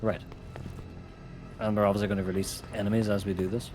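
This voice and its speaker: Low-voiced Irish man, Derry-Donegal accent. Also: level tone, a little fast, over music. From Derry, Northern Ireland. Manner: sweary, banter-filled. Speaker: streamer. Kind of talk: casual co-op gaming stream chat.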